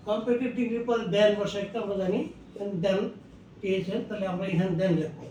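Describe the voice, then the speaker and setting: A Bengali-speaking man with a Bangladeshi accent teaching English grammar, explaining slowly and repeating each word as he writes it on the board. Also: high-pitched, mellow, distant mic. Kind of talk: slow classroom explanation while writing on a board. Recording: very echoey room, voice away from the mic, faint noise.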